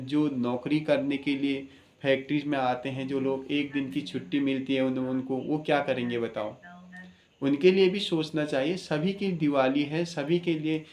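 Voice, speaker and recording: A man's voice: medium pitch, darkish tone, echoey room. A man, an astrologer, giving an impassioned spoken address, earnest and preaching, with many rhetorical questions.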